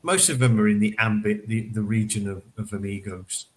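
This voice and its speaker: A man's voice: on the low side, fairly even intonation, a little fast, rough recording. A man chatting casually on a panel show, rambling with lots of fillers and repeated words. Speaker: panelist reporting on a local event. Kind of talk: casual chat.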